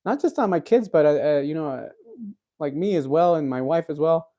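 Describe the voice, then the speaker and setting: Hosting a cooking stream while recovering from a cold, this thirty-something man talks loosely with his audience, reads out their comments, and keeps stalling with fillers and restarts. His voice is fairly high, animated, brisk and mellow.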